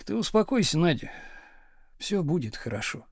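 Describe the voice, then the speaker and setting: A man reading an audiobook, voicing a meek, joking young husband who speaks softly and mildly. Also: fairly high pitch, very animated, normal speed, slightly rough, no room sound, clean studio sound, heavily acted. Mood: meek, wry. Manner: soft, mild, meek.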